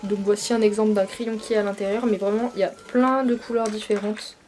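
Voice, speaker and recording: A woman's voice: mid-range voice, fairly even intonation, fast, darkish tone, far from the mic, a little hiss or hum. A young woman chatting through a casual vlog from a bedroom, hesitant with many fillers and apologies. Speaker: beauty vlogger. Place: her mother's bedroom, indoors. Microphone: camcorder mic.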